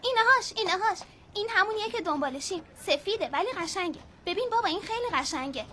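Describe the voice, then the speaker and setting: A woman's voice: extremely high pitch, expressive, fairly bright tone. A woman voicing an eager young boy in a dubbed film, pleading and insistent, sometimes tearful. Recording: noisy background.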